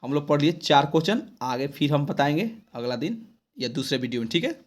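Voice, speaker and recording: A male English teacher from Bihar, speaking with an Indian English accent, leads an exam-prep lesson. He reads English answers out slowly, then explains them in quick, colloquial Hindi, his fairly high voice sounding animated.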